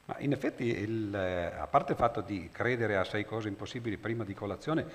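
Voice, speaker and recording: A man's voice: on the low side, fairly quick. Man, wry conversationalist, reverb from a big hall. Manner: wry, joking remarks. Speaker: conversation guest. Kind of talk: onstage conversation.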